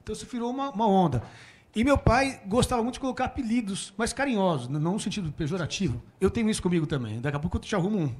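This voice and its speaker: A man in his forties with a Brazilian Portuguese accent, telling stories in a casual, animated way and laughing often. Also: high voice, racing. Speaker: guest. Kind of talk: casual storytelling. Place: small room before a small audience.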